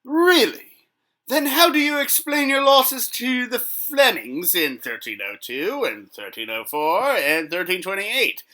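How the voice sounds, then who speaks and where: A scornful medieval pundit, played by a man argues his case emphatically in a mock news debate. His voice is fairly high and forceful, with very lively swings in pitch. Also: a little slow, hardly any pauses, full character voice. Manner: emphatic, argumentative. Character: combative male medieval war pundit, scornful and argumentative.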